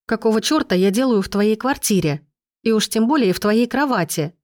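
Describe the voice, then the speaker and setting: A woman reading an audiobook, voicing an indignant, sharp-tongued young woman who hisses sarcastic retorts, in a dry, close recording. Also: medium pitch, normal speed, dry recording, voice pushed up, close to an everyday voice. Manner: hissing, sarcastic outbursts.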